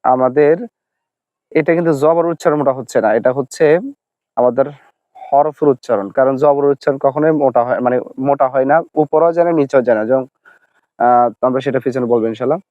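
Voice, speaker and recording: Patient man teaching pronunciation, crisp voice. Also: mid-range voice, darkish tone, dry recording, dull audio. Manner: patient, repeats sounds slowly, demonstrates. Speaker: Quran recitation teacher. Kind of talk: Arabic pronunciation lesson.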